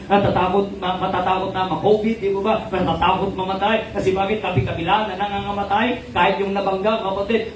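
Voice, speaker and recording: A man's voice: high voice, echoey room, recorded from a distance, slight background noise, poor audio. A man with a Filipino accent preaching a sermon in a church, switching between Tagalog and English and often asking the congregation "amen?". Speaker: pastor. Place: church hall.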